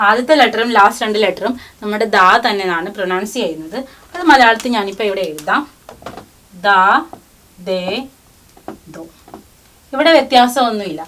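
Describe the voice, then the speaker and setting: A woman giving a language lesson. She teaches patiently, reading each syllable out slowly and repeating it. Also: fairly high pitch, a bit bright.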